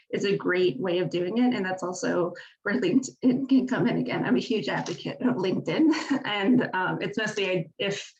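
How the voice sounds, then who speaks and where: A woman's voice: mid-range voice, lo-fi sound. A woman answering as a graduate student panelist, talking in a chatty way with many fillers.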